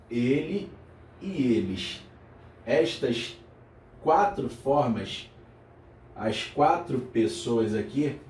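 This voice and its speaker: A male Brazilian Portuguese teacher giving a grammar lesson to his viewers, slowing down to repeat key terms and checking in with the student. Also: mid-range voice, darkish tone, recorded from a distance. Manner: addresses viewer as "meu aluno", checks in with "tá legal?". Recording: echoey room, voice off-mic.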